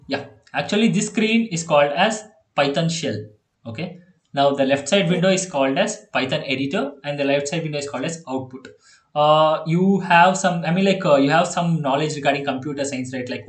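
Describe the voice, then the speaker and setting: A man with an Indian English accent tutoring a child in programming on a video call, chatty and quick to laugh. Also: fairly high pitch, reverberant. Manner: chatty, laughs often, repeats okay and yeah. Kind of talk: online one-on-one coding lesson.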